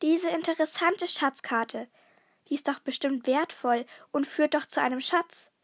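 A woman's voice: high voice, a little slow, no echo, clean studio sound. A woman voicing an inquisitive male professor in a storybook, asking probing questions.

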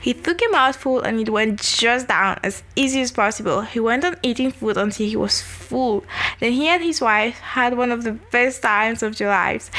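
A woman hosting a devotional, reading scripture and stories aloud with animated expression, then chatting about them casually. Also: fairly high pitch. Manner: casual and chatty, with many likes. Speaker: devotional host.

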